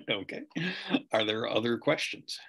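A man's voice: lowish voice, fairly even intonation, a little slow, vocal fry, a bit bright. A middle-aged man hosting a video Q&A, reading out audience questions with many hesitant ums. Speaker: host. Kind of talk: moderating a video Q&A.

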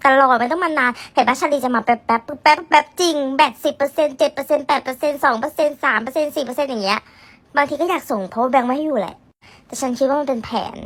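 Chatty high-voiced woman gossiping. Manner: chatty, gossipy, blunt slang, laughs often. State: tired, red-eyed. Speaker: vlogger. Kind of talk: casual chat.

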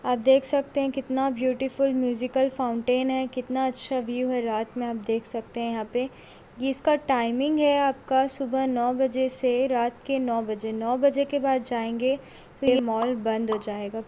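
A woman's voice: high voice, steady tone, normal speed, dark tone, slight background noise, poor audio. A young woman vlogger giving a casual walking tour of a large indoor mall, filming on a handheld phone and pointing things out again and again.

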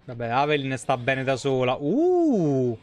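Huge pitch swings mark this Italian man's mid-range, slightly mellow voice as he commentates a game a little slowly. Broadcasting from a small indoor streaming room, he stays casual, playful and slangy, with mock exclamations.

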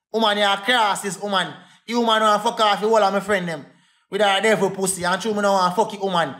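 A high-pitched, fairly bright male voice with a Jamaican Patois accent delivers a furious livestream rant from his phone. The insults come quickly and repeat over and over.

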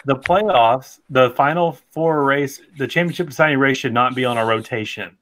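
A young man hosts a casual podcast, pushing his opinions firmly and laughing along with his friends. His voice sits at a middle pitch for a man. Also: moderate pace, fairly bright tone. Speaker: podcast host. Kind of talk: casual chat.

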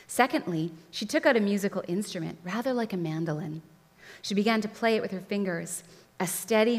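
A woman reading a novel aloud expressively, recorded in a reverberant hall. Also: mid-range voice. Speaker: reader.

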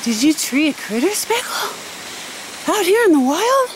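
A woman's voice: very high-pitched, sing-song, a little slow. A woman talking to her dog in a coaxing, sing-song way while hiking a forest trail, recorded on a handheld camera. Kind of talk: casual talk to a pet while hiking. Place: outdoors on a forest trail by a stream. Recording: outdoor camera with loud stream noise.

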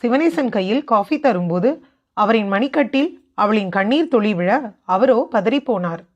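A woman, an author and audiobook narrator, reading a story in a steady, measured voice. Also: a little high, lo-fi sound.

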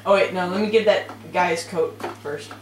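A man's voice: high-pitched, steady tone, normal speed, background noise. Joking young man's gaming commentary. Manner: playful, joking, teasing the characters. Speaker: let's play host. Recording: echoey room with game music behind.

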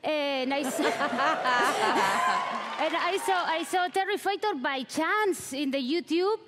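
A woman's voice: high voice, lively intonation, takes it slowly, fairly bright tone, a faint crowd. A woman in her thirties from Spain, speaking with a Spanish accent as a contestant at a stage audition. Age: 30s. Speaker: contestant, ventriloquist. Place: large theatre stage. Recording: noisy theatre stage.

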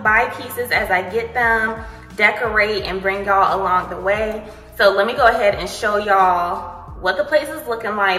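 Walking through a bare, empty apartment and its kitchen with a handheld phone camera, a young woman chats animatedly to her vlog viewers, tossing in lots of "y'all" and "honey." Her voice is medium-pitched, and the empty rooms make the recording echoey with long reverb.

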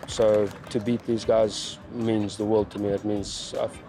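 A man's voice: lowish voice, little pitch movement, measured pace, background noise. A young South African man, a professional golfer, giving an interview after a win. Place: outdoors at a golf event, before a sponsor board. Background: music.

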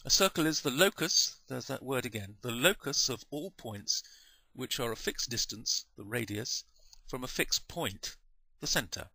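A man explaining a maths lesson in a patient, measured way, correcting himself now and then. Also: medium pitch, animated, sharp tone, husky, no room sound. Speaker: maths teacher.

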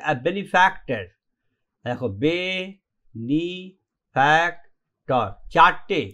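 Man, grammar teacher, higher-pitched voice, step-by-step explanations, keeps checking in with students. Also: pushed and bright. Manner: explains step by step in Bengali, checks understanding with repeated questions. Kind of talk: online classroom lesson.

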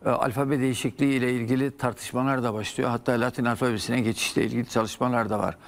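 A man's voice: medium pitch, fairly even intonation, quick pace. An older man, a historian guest in a TV studio, explaining at length with frequent hesitations.

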